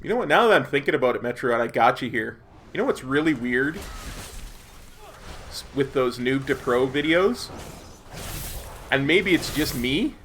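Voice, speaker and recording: Casual male gamer over clear background noise. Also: medium pitch, lively intonation, moderate pace, pauses often, a bit bright. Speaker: gaming streamer. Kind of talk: casual chat while playing.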